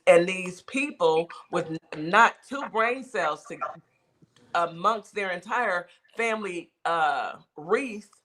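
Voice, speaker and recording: Emphatic talk show host, bright voice. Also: mid-range voice. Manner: emphatic, repeats points for weight. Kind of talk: casual radio talk show chat.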